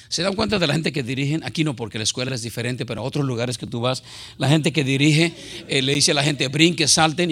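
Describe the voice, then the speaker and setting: Middle-aged man, pastor, sermon, gravelly voice, bright and forceful. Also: fairly high pitch. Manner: impassioned, conversational, rhetorical questions.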